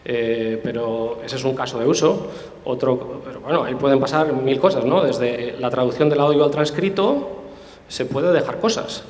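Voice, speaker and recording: A tech specialist, interviewed as a guest, explains things conversationally in a slightly mellow, medium-pitched voice at a normal speed. He is thoughtful, hesitating and starting over frequently, and the recording echoes with the long reverb of a roomy hall.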